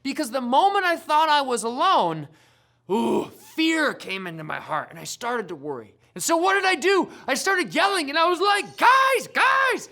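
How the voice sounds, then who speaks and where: A young woman teaching a children's church lesson, telling stories in a playful, animated way. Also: sits high, normal speed, gravelly. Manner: animated, playful storyteller with shouted sound effects. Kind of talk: lively kids' Bible lesson.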